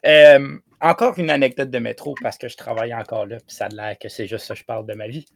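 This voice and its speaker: A man's voice: mid-range voice, fairly even intonation, fast, gravelly. A young man co-hosting a podcast, telling stories with many hesitations. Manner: hesitant, filler-heavy storytelling. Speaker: podcast co-host. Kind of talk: casual chat.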